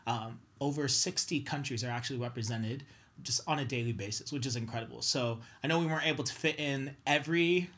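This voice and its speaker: A man's voice: mid-range voice, brisk, fairly bright tone. Upbeat man hosting a panel. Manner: upbeat, laughs often. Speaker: host. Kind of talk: casual panel chat.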